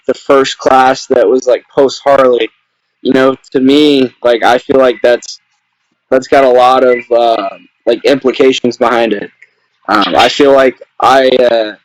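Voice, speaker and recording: A relaxed young man chats loosely as a podcast guest, wandering through his answers with plenty of "like" and "um". His voice comes through a webcam on a video call, dry and close with no room sound. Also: mid-range voice, no room sound, poor audio. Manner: laid-back, rambling with many fillers. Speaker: guest, pro wrestler. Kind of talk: casual podcast interview.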